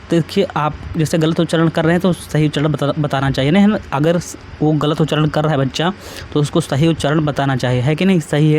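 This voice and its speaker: A man's voice: on the high side, darkish tone, slight background noise. A man, teaching an exam-prep lesson in a casual, repetitive way and often checking that students follow. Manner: repetitive, asks students questions, adds tag questions.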